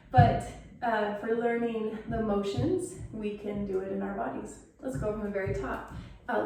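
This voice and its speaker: A woman's voice: medium pitch, a little mellow. A woman teaching dance, calling out movement terms and counts as she demonstrates. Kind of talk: instructional dance lesson. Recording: echoey room from far off.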